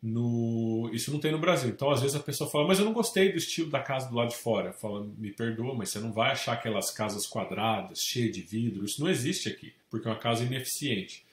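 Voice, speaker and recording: Animated Brazilian man telling anecdotes. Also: medium pitch, fast talker, few pauses. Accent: Brazilian Portuguese. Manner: animated anecdotes, acts out quoted people. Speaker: real estate agent, podcast guest. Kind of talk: casual storytelling interview. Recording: echoey room.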